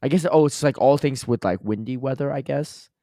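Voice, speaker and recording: A man's voice: mid-range voice, fairly quick, warm tone, dry recording, clean studio sound. A man co-hosting a podcast in casual chat, upbeat and talkative, giving long explanations. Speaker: podcast co-host.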